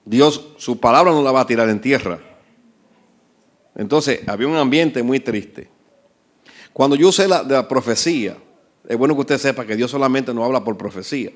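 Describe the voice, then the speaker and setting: A man's voice: mid-range voice, moderate pace, pauses often. A man, a pastor, preaching a sermon, asking the congregation questions and letting his voice rise and fall in volume for emphasis. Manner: volume swells and drops for emphasis.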